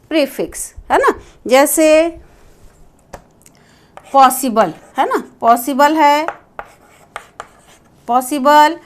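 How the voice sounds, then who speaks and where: A woman teaching a grammar lesson, explaining slowly and repeating herself, spelling words out letter by letter. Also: sits high.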